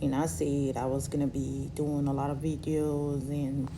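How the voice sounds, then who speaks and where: A woman in her thirties from Cameroon, telling her own story to her viewers in a halting way with many fillers, while recovering from surgery. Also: very deep voice, little pitch movement, noisy background. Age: 30s. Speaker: vlogger.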